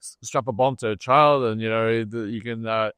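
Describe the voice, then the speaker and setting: A man's voice: on the low side, steady tone, normal speed, fairly bright tone, clear, resonant tone, dry recording. A man who grew up in Scotland, speaking with a posh English accent, talking bluntly and provocatively as an interview guest. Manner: blunt, provocative, laughs at own jokes. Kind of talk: casual interview talk.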